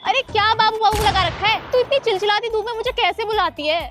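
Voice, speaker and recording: A woman's voice: extremely high pitch, fast, fairly bright tone, soft background music. A woman voicing a grumpy young man who complains bluntly and rudely about the heat, in a comedy sketch.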